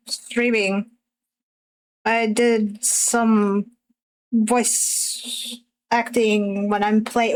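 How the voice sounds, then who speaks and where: A woman streamer chatting casually while she draws, hesitant and self-conscious, with many pauses and fillers. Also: fairly high pitch, low-quality recording. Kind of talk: casual chat while drawing.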